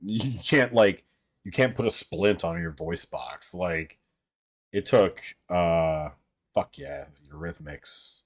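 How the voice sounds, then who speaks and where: Reading out viewer comments during a casual livestream, a deep-voiced male host talks in a somewhat flat, meandering, stop-start manner laced with profanity. He sounds a bit off, as if out of sorts.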